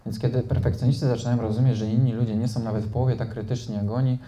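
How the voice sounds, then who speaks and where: Man, psychotherapist lecturing, very dark mellow voice, hesitant fillers, roomy echo. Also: medium pitch, level tone, very fast, lo-fi sound. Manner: explanatory, many hesitation fillers and "nie?" tag questions. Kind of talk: live lecture to an audience. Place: room with a live audience.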